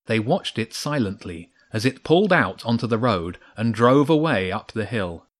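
Low-voiced man reading a story. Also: expressive, normal speed. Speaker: narrator. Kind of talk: storybook narration.

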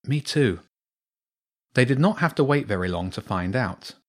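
A man narrating a children's storybook in a steady, clear reading voice. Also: on the low side, a little fast.

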